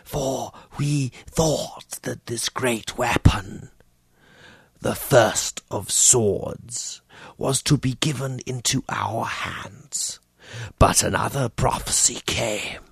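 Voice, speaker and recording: A male audiobook narrator voicing an old fanatical sorcerer priest who speaks low and breathless, in a whispery, gravelly way. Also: takes it slowly, no echo, exaggerated voice. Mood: chanting prophecy. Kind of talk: audiobook character reading.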